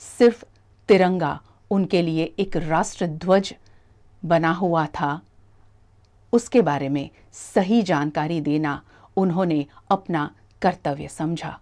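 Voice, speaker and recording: A woman reporter reading a scripted news voice-over in a measured, formal way. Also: fairly low pitch, a little mellow.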